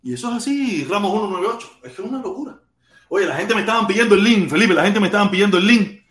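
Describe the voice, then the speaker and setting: A Cuban man hosting a casual live stream, talking in an animated, rambling way with lots of repetition and the odd shout. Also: high voice, fast. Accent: Cuban Spanish. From Cuba. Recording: echoey room with faint noise.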